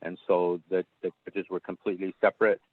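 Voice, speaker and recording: A man's voice: low-pitched, level tone, fairly quick, breathy edge, no echo. A man speaking over a phone line, hesitant and full of ums and uhs as he announces competition winners on a conference call. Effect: heard over a phone line.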